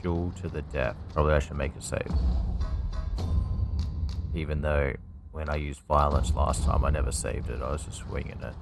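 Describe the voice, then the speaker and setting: A man's voice: a bass voice, fairly even intonation, normal speed, vocal fry, pauses often. A man giving casual commentary as he plays a game, talking offhandedly to himself. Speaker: gamer hosting a playthrough. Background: loud game music.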